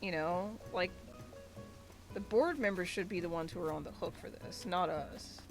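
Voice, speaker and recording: Faint music plays behind a woman with a lowish voice who talks at normal speed during her gaming livestream. Her commentary is casual, rambling and ranty, full of filler "likes."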